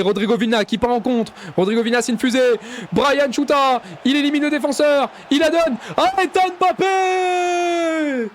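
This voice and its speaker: A man with a very high voice, commentating his football video game like a live match. He shouts goals with big exclamations, then slides into quiet mumbled asides. A faint hum sits behind him. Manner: drops to low, mumbled asides between bursts. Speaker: gaming YouTuber.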